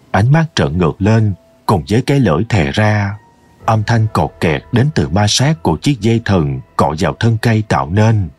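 Husky-voiced man narrating a horror story. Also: fairly low pitch, darkish tone. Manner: slow, ominous storytelling.

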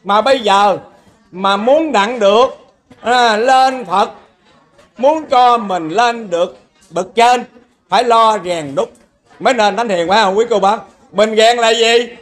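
A man preaching in a folksy way with a Southern Vietnamese accent. His voice sits extremely high for a man. He tells homely stories and keeps turning to the audience for a nod of agreement. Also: takes it slowly. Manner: storytelling, keeps asking the listeners for agreement. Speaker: lay preacher. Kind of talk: folksy sermon.

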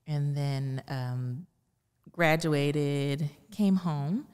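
A middle-aged art curator from Houston, Texas, answers interview questions casually in a low, slightly mellow, clean-toned voice, drawing out her words. She's in an indoor art gallery, using a close boom-arm podcast mic and headphones, and the room sounds reverberant.

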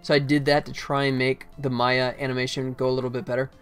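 Speaking fast and clearly in a level, resonant mid-range voice, this man in his forties livestreams his game development work. He narrates casually and often mutters short bits to himself. Faint music and typing fill the small room where he works at his computer.

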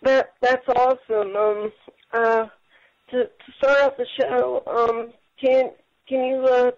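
A man hosts a casual internet radio interview with a gravelly, rough-edged voice. He sounds upbeat and heaps praise on his guest. The audio is muffled and low-fidelity. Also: a little mellow. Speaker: radio show host.

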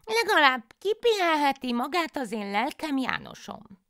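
A woman's voice: high voice, big pitch swings, fairly bright tone, voice pushed up, exaggerated voice. A woman voicing a foolish, cheerful young peasant wife in a folk tale, with naive, pleading speech.

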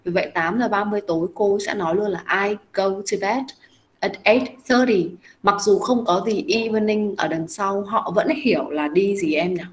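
A woman's voice: mid-range voice, fairly quick, few pauses, poor audio. Young woman english teacher, keeps asking the class questions, walks through every phrase. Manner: coaxes students with repeated questions. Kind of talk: classroom lesson explanation.

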